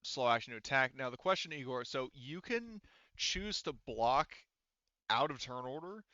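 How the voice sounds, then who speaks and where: A male game master with a bright, clear, expressive mid-range voice explains the rules to players while casually refereeing a tabletop game, pausing and thinking aloud as he goes. The recording is dry and close with no room sound, though a bit dull and lo-fi.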